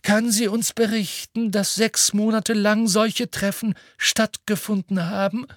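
A man voicing a wise old male headmaster with a mild, gently ironic manner in an audiobook reading. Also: sits high, little pitch movement, measured pace, dry recording, studio quality, pitched above the performer's own voice.

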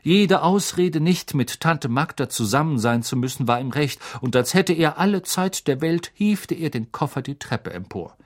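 A man narrating an audiobook in a lively, expressive storytelling manner. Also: fairly high pitch, moderate pace, few pauses. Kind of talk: scripted narration.

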